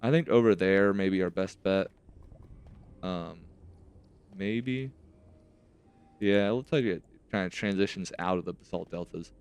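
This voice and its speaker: A man's voice: low voice, measured pace, long pauses, darkish tone, clear, resonant tone. A man with a slight lisp from wearing retainers, hosting a casual, chatty gaming let's-play and talking to himself as he plays. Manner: chatty, rambling, self-talk while playing. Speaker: host of a gaming series.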